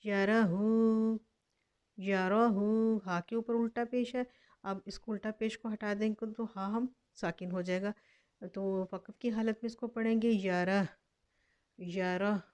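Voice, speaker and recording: A woman teaching Quran recitation, slowly sounding out each word twice and explaining every step patiently. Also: mid-range voice, fairly even intonation, a little mellow. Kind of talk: slow step-by-step lesson.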